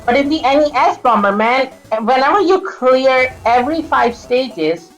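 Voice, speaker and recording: Woman, casual gameplay commentator; fairly high voice, stumbles and restarts a lot, faint music under her. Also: lively intonation, a little slow, poor audio. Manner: stuttering, flubs and restarts lines, laughs often. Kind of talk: casual let's-play commentary.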